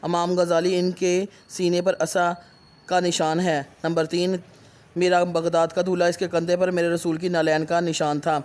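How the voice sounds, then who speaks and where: A man with a high voice delivers a storytelling sermon, switching quickly between the people of his tale as he recounts their exchanges. His pitch stays fairly level, with little rise and fall, so the telling has a steady, insistent drive. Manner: narrates a miracle tale, acting out dialogue in quick turns. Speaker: preacher.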